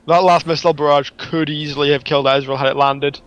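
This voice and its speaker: A man giving measured, explanatory color commentary on a video game match. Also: on the high side, fairly even intonation, clear, resonant tone, dull audio. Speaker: guest co-caster.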